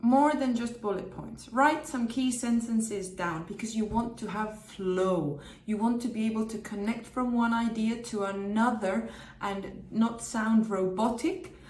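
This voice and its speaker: Speaking at a measured pace, this upbeat presenter and communication trainer has a fairly high, darkish-toned voice. Born in Finland with Finnish as her first language, she records a direct-to-camera tips video in an echoey room, repeating things for emphasis.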